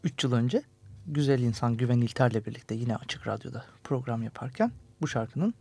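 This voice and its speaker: A man's voice: mid-range voice, lively intonation, moderate pace, vocal fry, a little mellow, slightly rough. A man co-hosting a radio music show, chatting casually with playful, self-mocking banter. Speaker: radio host.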